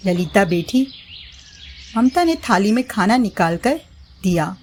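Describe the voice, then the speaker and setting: A woman's voice: medium pitch, big pitch swings, a little slow, a little mellow, slight background noise. A woman narrating a bedtime moral story in a plain, simple storytelling manner.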